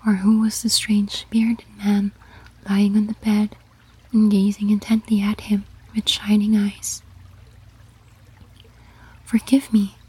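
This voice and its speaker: A woman tells a story in a steady, breathy whisper for relaxation. Her delivery is slow and flat, with a mellow, dark tone. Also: mid-range voice, poor audio. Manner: steady unvoiced whisper throughout. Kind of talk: whispered ASMR story reading.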